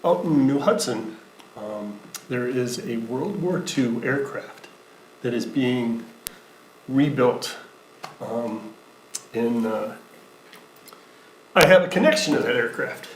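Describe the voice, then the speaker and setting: Man giving halting board meeting remarks. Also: mid-range voice, expressive. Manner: halting, many fillers, emotional at times. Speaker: school board member. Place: school board meeting room. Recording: echoey meeting room, faint noise.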